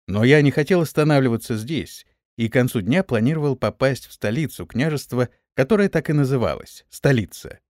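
A man narrating an audiobook with expressive storytelling. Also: medium pitch, dry recording, studio quality. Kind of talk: audiobook reading.

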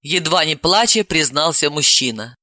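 Male audiobook narrator, bright and lively, dry close sound. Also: on the high side, moderate pace, dry recording. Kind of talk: scripted narration.

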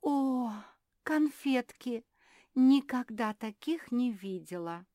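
A woman's voice: mid-range voice, big pitch swings, unhurried, no echo, clean studio sound, pitched above the performer's own voice. A woman voicing a female seamstress who gushes with delight. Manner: rapturous, gushing.

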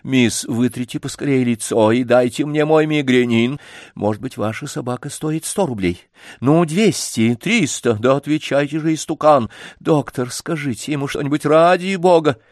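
A man voicing a fussy, imperious rich lady in an audiobook, shrill and commanding. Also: moderate pace, darkish tone, no echo, clean studio sound, natural voice. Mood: demanding. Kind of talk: audiobook character reading.

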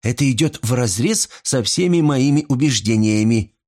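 A man's voice: medium pitch, expressive, moderate pace, a little mellow, pitched above the performer's own voice, natural voice. A man voicing a young woman bartender who teases her customers in a dry way. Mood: teasing. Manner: teasing, dry.

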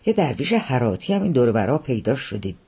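A man's voice: mid-range voice, sing-song, warm tone, slightly rough. Man reading as a boastful chatty dandy. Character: gossiping male dandy, showing off.

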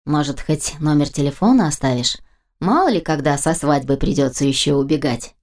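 A woman voicing a reckless, cheerful male getaway driver who talks low and stubborn in an audiobook. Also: normal speed, a little mellow, lightly acted. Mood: gruff.

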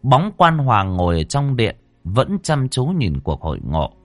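A man narrating a ghost story in an expressive, dramatic way, close to the microphone. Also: medium pitch, unhurried, no room sound, soft background music.

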